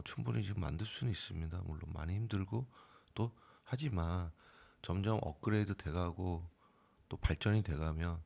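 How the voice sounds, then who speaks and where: A middle-aged man with a very low, gravelly voice talks straight to his viewers in an easy, unscripted way. He stops and restarts often and fills gaps with small sounds. Now and then he briefly acts out scolding a computer program. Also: darkish tone. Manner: informal, hesitant with fillers, acts out arguing with the AI. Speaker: crypto trading bot channel host. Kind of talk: casual spoken explanation to viewers.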